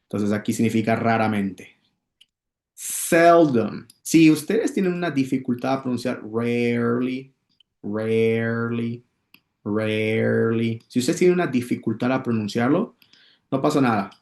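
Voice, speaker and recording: A man teaching English in a casual video lesson, often checking in with his viewers and repeating words slowly so they can practice. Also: mid-range voice, expressive, darkish tone, reverberant. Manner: addresses viewers as "muchachos", checks in with "ok?".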